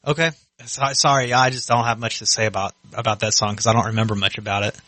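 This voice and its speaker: A man's voice: lowish voice, steady tone, fast talker, sharp tone, no room sound. A man co-hosting a podcast in casual chat, hesitant and full of fillers, swearing often. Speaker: podcast co-host.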